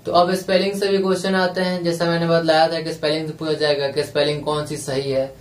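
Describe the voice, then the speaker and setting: Male tutor, slightly high voice, echoey room recording, patient, careful delivery. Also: flat delivery, far from the mic. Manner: slow, spells words letter by letter; reads English passage slowly, drawn out. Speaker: exam prep teacher. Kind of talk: explaining lesson in Hindi with English terms.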